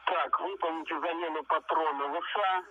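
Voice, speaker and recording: A man working as a ground flight controller, reading out checklist instructions step by step over a radio transmission, measured and with small hesitations. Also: fairly high pitch, steady tone, breathy edge. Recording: muffled radio link with faint hiss.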